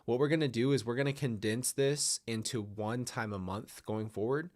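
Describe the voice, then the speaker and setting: A man reads viewer stories and chats on a casual livestream, apologetic and rambling, restarting often. His mid-range voice has a darkish tone at normal speed, slightly nasal from a blocked nose.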